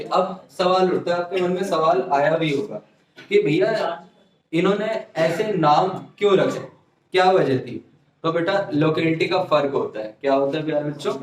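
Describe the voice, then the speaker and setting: Male history teacher, classroom lecture, slightly high, recorded at a distance in a roomy space, keeps checking the class understands. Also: a little mellow. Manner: repetitive checks like "clear?" and "keep in mind", addresses students as dear children. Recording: echoey room, mic at a distance.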